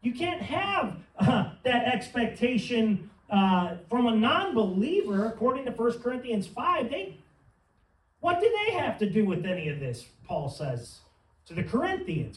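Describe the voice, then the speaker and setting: A man preaching a sermon in church, fervent and building to emphatic peaks. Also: very high voice. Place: church sanctuary. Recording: roomy sound from some distance.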